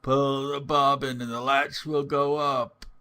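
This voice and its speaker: A man voicing a cunning storybook wolf, gruff and coaxing, feigning a gentle, feeble manner. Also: mid-range voice, flat delivery, a little slow, voice pushed up. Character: large cunning male wolf posing as gentle granny.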